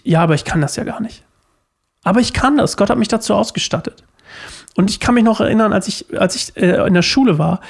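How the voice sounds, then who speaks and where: A man's voice: high-pitched, a little mellow. A man, a podcast host and worship leader, gives an earnest devotional talk on faith in a living room. He repeats key phrases for emphasis and often restarts his sentences.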